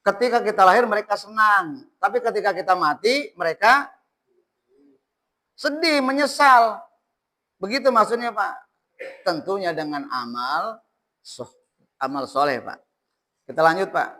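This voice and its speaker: A man's voice: high voice, normal speed, long pauses, pushed and bright, poor audio. A man giving an informal sermon, chatty and quizzing his listeners. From Indonesia. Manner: chatty, keeps asking the audience questions. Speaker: preacher.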